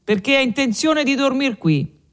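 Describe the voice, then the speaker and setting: A man voicing a sly adult male guide who talks smoothly, in an audiobook. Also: very high voice, sing-song, normal speed, fairly bright tone, pitched above the performer's own voice, full character voice.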